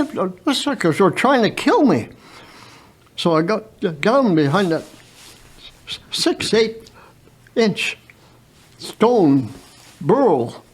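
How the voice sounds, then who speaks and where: Very old man, slow and halting. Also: sits high, breathy edge. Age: very old, around 100. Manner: halting, with repeated words and stammered starts. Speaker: war veteran guest. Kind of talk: unscripted personal storytelling.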